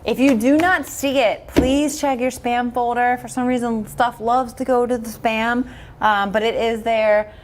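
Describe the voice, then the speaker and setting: A woman's voice: fairly high pitch, steady tone, a little slow, background noise. A woman hosting a livestream in a casual, chatty style, talking directly to the viewers. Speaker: livestream host.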